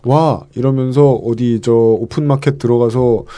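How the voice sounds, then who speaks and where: A man's voice: fairly high pitch, lively intonation, moderate pace, a little mellow. A man hosts a casual podcast, reacting to his guests with wry remarks. His voice sits a little above the usual male range. He chuckles often while he talks.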